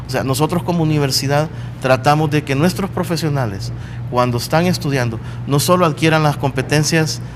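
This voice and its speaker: A man's voice: fairly high pitch, noisy background. A Salvadoran man speaking as a university guest in a studio interview, passionate and emphatic, asking rhetorical questions. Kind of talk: earnest studio interview talk.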